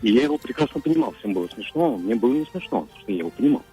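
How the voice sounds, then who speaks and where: A man from Moscow calling a radio show, speaking haltingly as he searches for words. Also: mid-range voice, animated, dull audio, faint music behind. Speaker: caller. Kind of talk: phone-in question.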